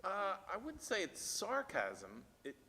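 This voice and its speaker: A man leading a church Bible discussion, thinking aloud with halting restarts and growing animated when he reads the text aloud. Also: sits high, a little hiss or hum. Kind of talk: casual discussion. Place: church meeting room. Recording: church room with long reverb.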